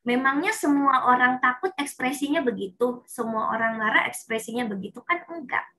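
Woman therapist, bright voice, slightly high, explains step by step. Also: normal speed. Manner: explains with acted child quotes, animated. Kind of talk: consulting conversation.

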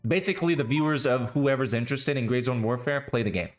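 A man's voice: medium pitch, fast talker, faint music behind. A hungover man hosting a casual podcast chat, rambling and profane, slurring his words. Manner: rambling, profane, restarts often. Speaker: podcast host.

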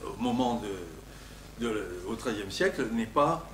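An older man, a linguistics professor, giving an academic lecture, animated and emphatic on his example words, with frequent hesitations. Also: medium pitch, a little slow, a little hiss or hum. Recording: echoey lecture room.

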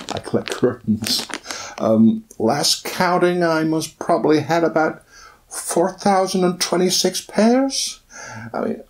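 A man's voice: mid-range voice, natural voice. A man voicing a chatty, rambling woman obsessed with curtains in a spoof news interview.

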